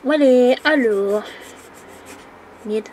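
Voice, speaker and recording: A woman's voice: a little high, extremely slow, a little mellow, a little hiss or hum. A woman in her twenties from the Île-de-France region, chatting casually and hesitantly while coloring on camera at a table, with many fillers. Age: 20s. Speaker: coloring YouTuber. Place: indoors at a table.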